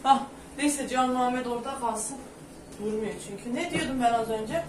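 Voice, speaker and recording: Loud chatty woman vlogging at home. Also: fairly high pitch, normal speed, very noisy. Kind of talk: casual chat to camera. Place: home, indoors. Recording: echoey room.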